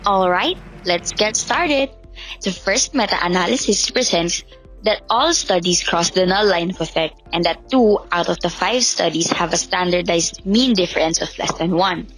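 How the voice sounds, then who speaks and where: A woman's voice: on the low side, normal speed, fairly bright tone, poor audio. A woman giving a scripted, infomercial-style explanation of student research findings. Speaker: student presenter. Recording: background music under the voice.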